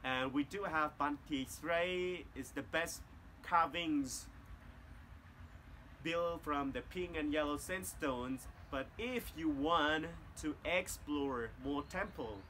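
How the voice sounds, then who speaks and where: Slow and a little high, this Cambodian man's voice has a bright, forceful tone as he acts as a tour guide explaining a temple outdoors to the camera. In his thirties and a native Khmer speaker, he uses careful non-native English among jungle temple ruins. A little hiss or hum is present.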